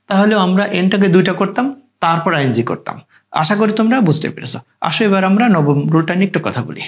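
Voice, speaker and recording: Patient man teaching grammar. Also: high voice. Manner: patient, repeats each rule step by step. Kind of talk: grammar lecture.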